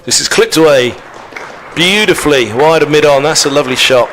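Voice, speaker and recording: A man's voice: fairly high pitch, fairly quick, crowd noise, background noise. A man giving live cricket commentary with conversational, understated asides between deliveries.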